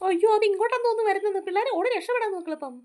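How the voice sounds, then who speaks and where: A woman voicing a frantic mother in a family cartoon, who scolds her children loudly. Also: very fast. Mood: panicked. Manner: shrill, scolding.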